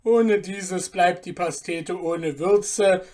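A woman's voice: on the low side, flat delivery, slow pace, a little mellow. A woman voicing a sneering, mysterious foreign guest in a storybook reading, smug and mocking.

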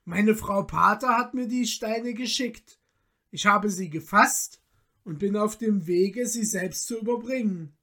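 Taking on the role of a modest, noble young storybook hero, a woman narrator has him speak with great slowness and sincerity, using courteous, formal, dated language. The medium-pitched voice is fairly bright, sounding eager and puzzled.

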